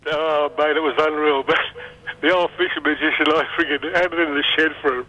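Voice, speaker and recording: A man with an Australian accent phoning a radio show, telling a colloquial, halting anecdote in short bursts. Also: a little high, steady tone, sharp tone, lo-fi sound. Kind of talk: casual anecdote.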